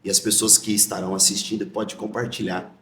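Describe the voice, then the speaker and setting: A man with a Brazilian Portuguese accent, a pastor, speaking in a calm, affirming, preacherly way in a podcast conversation. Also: fairly low pitch, fast talker. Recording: roomy echo, faint noise.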